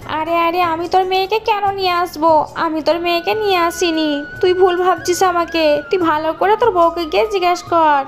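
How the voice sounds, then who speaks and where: A woman's voice: very high voice, steady tone, normal speed, hardly any pauses, faint music behind. A woman voicing a friendly, puzzled dinosaur in a cartoon, with a mild, protesting way of talking.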